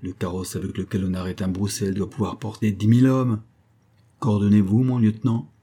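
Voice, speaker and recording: A bold, swaggering musketeer officer barks curt orders and mocking scolds, as a male audiobook reader puts him on. The voice sits in a dark, mellow register with a husky edge, raised a little above the reader's own. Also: fairly low pitch, little pitch movement, fairly quick. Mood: curt, commanding. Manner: brusque, commanding, mocking. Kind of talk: audiobook character voice.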